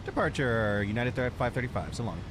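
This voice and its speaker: A man's voice: mid-range voice, lively intonation, brisk, very noisy. A man playing an airline pilot in a flight sim, making clipped radio readbacks through a cockpit headset mic. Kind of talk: radio calls in pilot phraseology.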